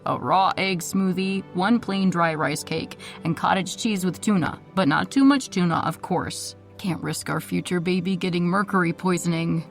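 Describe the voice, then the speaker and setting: A woman's voice: low-pitched, measured pace, creaky, faint music behind, heavily acted. A woman narrator voicing a cheery, delusional husband in an audiobook, speaking in a sing-song, falsely sweet way.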